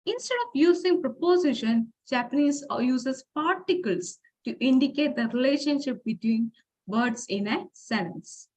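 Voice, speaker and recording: A woman's voice: high-pitched, moderate pace, darkish tone. A woman giving an informal lecture presentation, explaining step by step with fillers and restarts, and reading example phrases aloud. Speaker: forum speaker.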